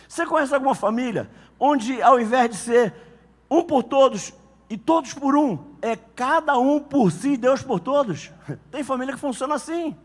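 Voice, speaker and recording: A man preaching a sermon as a pastor, telling animated stories and acting out couples' quarrels. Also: extremely high pitch, long reverb tail.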